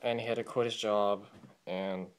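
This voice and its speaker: A man's voice: fairly low pitch, steady tone, moderate pace, clear, resonant tone. A young man from California, telling his life story in a casual, rambling vlog with many fillers, recorded on a camera mic. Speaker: vlogger.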